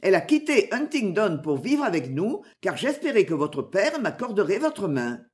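A woman's voice: mid-range voice, very animated, normal speed, darkish tone, close to an everyday voice. A woman voicing an ardent young knight. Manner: earnest, imperious.

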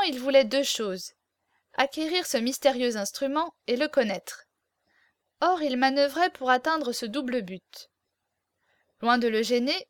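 A woman narrating a classic novel as an audiobook in a measured, even storytelling manner. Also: sits high, no room sound, clean studio sound.

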